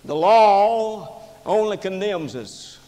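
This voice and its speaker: A man preaching a sermon in a church, impassioned, rising and falling sharply in pitch and loudness. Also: lively intonation, takes it slowly. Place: church sanctuary. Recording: reverberant church hall recording.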